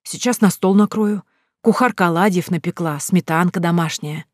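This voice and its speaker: Woman doing a fussing old nanny offering food, polite, low voice, dry sound. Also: normal speed, a little mellow, dry recording, close to an everyday voice. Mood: fussy. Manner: fussy, courteous. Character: fussy, polite older household nanny.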